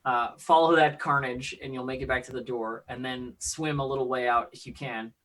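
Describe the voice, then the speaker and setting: A man's voice: medium pitch, steady tone, normal speed, fairly bright tone, rough recording. A man talking casually in character as a player in a tabletop role-playing game.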